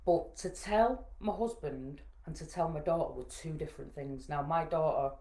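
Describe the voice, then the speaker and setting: Northern english woman telling her story, low voice, roomy echo, blunt n jokey. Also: normal speed, mellow. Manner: plainspoken and frank, with dry jokey asides. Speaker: vlogger sharing her own story. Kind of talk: personal storytelling to camera.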